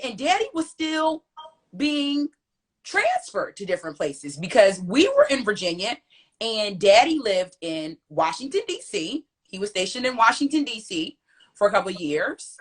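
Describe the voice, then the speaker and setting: A woman from the US hosting a casual family chat, animated and laughing often as she tells stories. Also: a little high. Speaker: host.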